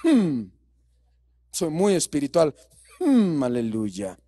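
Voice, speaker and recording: A man acting out a pompous, falsely pious male churchgoer, murmuring praises in a low, hummed, self-satisfied voice. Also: wildly swooping pitch, slow pace, warm tone, husky, no room sound, full character voice. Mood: smug piety.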